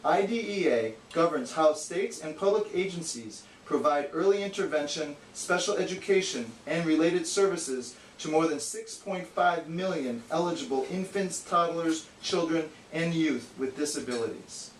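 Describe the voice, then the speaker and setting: A man performs a bookish, exasperated know-it-all puppet in an amateur educational puppet show, lecturing earnestly and a bit condescendingly. His slightly high voice is animated yet close to everyday speech, moving at normal speed with hardly any pauses. The distant mic picks up room echo and hiss.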